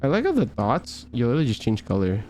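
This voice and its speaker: A man's voice: mid-range voice, huge pitch swings, fast, darkish tone, faint music behind. A man streaming a story game, chatting casually, reading the dialogue aloud, swearing offhandedly, and bantering with his chat. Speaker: gaming streamer.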